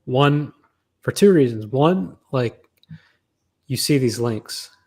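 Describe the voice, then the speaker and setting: Mid-pitched man explaining casually. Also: lively intonation, slow pace, a little mellow. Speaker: podcast panelist.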